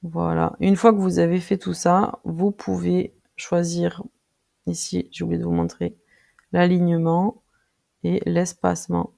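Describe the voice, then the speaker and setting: Tutorial presenter, casual screen-recording, very creaky and mellow, hesitant with lots of fillers. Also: medium pitch, completely flat delivery. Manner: hesitant, frequent filler pauses while clicking through; friendly, addresses viewers directly.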